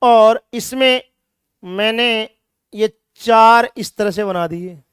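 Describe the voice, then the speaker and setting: This is a man lecturing a chemistry class with plenty of drive. His voice sits very high and rings smooth and resonant. He keeps teasing the students with rhetorical questions, and the recording is close and dry. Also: slow, no echo. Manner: energetic, scolding students playfully with rhetorical questions. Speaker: chemistry teacher.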